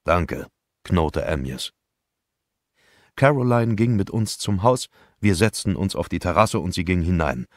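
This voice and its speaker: A man reading an audiobook in scripted first-person narration, measured and grave. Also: deep voice, lively intonation, dry recording, studio quality.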